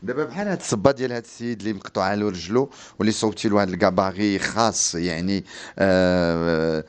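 A man's voice: sits low, fast talker, clear, resonant tone. A man with a Moroccan accent interviewing someone conversationally, rephrasing his questions as he goes. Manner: rephrases questions, frequent backchannel murmurs.

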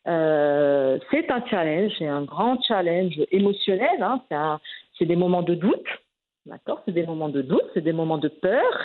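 Speaking at normal speed with a lowish, very animated voice, a woman in her forties is interviewed as a guest. Her conversational answers stumble with fillers and restarts, captured over a phone-like narrow band.

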